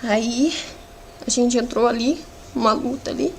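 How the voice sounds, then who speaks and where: Brief: Brazilian woman, defendant on the stand, raised pitch, rough gravelly edge, halting fragmented retelling. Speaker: defendant under questioning. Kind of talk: courtroom testimony. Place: courtroom hearing.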